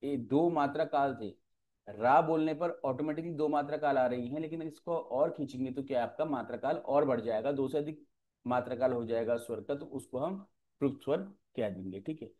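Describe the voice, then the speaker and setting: A man with a medium-pitched, darkish voice teaches an exam-prep lecture, explaining things step by step. He often pauses to check whether students are following, and the audio sounds dull.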